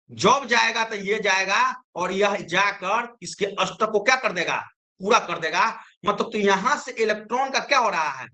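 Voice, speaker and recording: Male teacher, high bright voice, quizzes the class as he explains. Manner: explains with repeated questions to students. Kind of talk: chemistry lesson.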